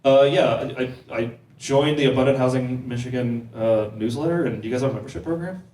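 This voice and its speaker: A man speaking at a panel discussion, talking quickly and repeating words as he thinks. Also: medium pitch, darkish tone, a little hiss or hum. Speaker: panel speaker on housing policy. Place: event hall. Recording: echoey room, mic heard from a distance.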